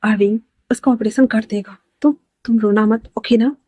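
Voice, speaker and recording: A woman voicing a calm, protective man who reassures others softly and steadily. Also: moderate pace, dry recording, natural voice. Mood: soothing. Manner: soft, low-key reassurance.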